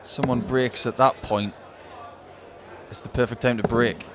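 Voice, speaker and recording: A man's voice: medium pitch, fairly even intonation, unhurried, a bit bright. A man giving analytical, chatty live commentary as a darts co-commentator. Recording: crowd noise behind commentary. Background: darts crowd.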